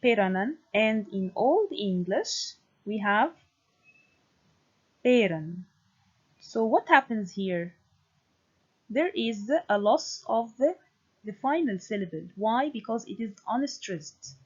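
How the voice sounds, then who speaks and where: A woman giving a recorded university lecture, speaking deliberately and often pausing to check understanding with "okay". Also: a little high, lively intonation, husky. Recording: dull lo-fi recording.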